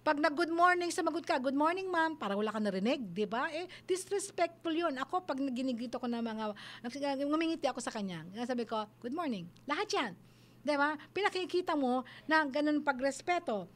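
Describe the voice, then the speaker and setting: High-voiced Filipino woman giving advice. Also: animated, fairly quick. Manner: mixes Tagalog and English, acts out quoted voices. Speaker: radio advice host. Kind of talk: parenting advice talk on radio.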